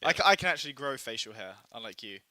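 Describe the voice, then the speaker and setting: A man's voice: medium pitch, big pitch swings, racing, bright, forceful tone, no room sound. A man co-hosting a casual esports podcast in a studio, teasing and joking, his voice a little worn as he is losing it. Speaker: podcast co-host.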